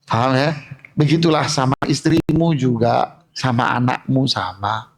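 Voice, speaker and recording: A man giving a casual sermon, firing rhetorical questions at the audience and swinging between low asides and sharp exclamations. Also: steady tone, a little slow. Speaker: Islamic preacher. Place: mosque.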